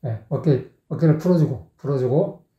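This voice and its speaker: A singing teacher gives a vocal lesson, singing short phrases slowly and then explaining them in quick, plain speech, often checking that the learner follows. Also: mid-range voice. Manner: often checks with the learner by asking "you get it?". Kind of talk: vocal lesson with sung demonstrations. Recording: echoey, tinny phone-like sound.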